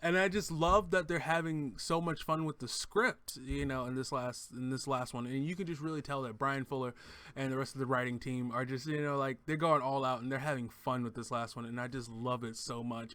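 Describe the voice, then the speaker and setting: A man's voice: mid-range voice, fairly even intonation, fairly quick, bright, forceful tone, dry recording. A man giving a casual, enthusiastic spoken review of a TV episode, rambling and often restarting his sentences. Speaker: TV show reviewer.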